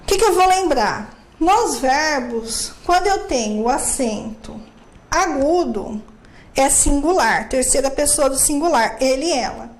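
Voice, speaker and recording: Woman teacher going thru grammar rules, asks herself questions, high voice, echoey. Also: expressive, measured pace. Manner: explains step by step, asks and answers own questions. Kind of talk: grammar lesson.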